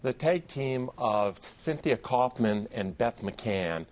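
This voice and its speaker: A man speaking as a panelist on a political roundtable, measured and deliberate. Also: mid-range voice, expressive, darkish tone, a little hiss or hum.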